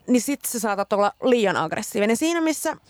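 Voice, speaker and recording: A woman co-hosting a casual chat, animated and laughing often as she talks. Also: no room sound, clean studio sound. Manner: animated, laughs often, rising pitch when excited.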